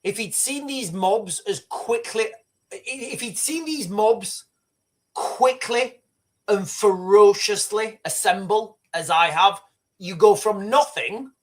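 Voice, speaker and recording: Speaking slowly in a high-pitched voice, this middle-aged livestream host tells loose, rambling stories and offers casual commentary, swearing and often starting sentences over.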